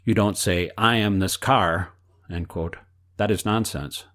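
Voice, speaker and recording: A man reading aloud the answers of an elderly male spiritual teacher, in a measured way that speaks the quote marks aloud. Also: low voice, fairly bright tone. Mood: explaining.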